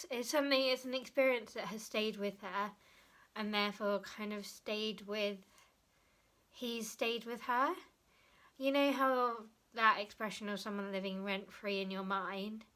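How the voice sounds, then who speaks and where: A woman's voice: mid-range voice, sharp tone. A young woman vlogger talking casually about a book she has read, chatty and often stopping to search for the right word or correct herself.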